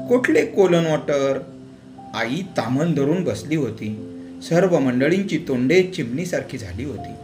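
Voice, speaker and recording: A male storyteller reads with real feeling, his voice rising high and sinking low as the tale moves. His tone sits a little above the usual for a man. Instrumental music plays clearly behind him. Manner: emotional, expressive, swells and drops with the story. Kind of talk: dramatic storybook reading.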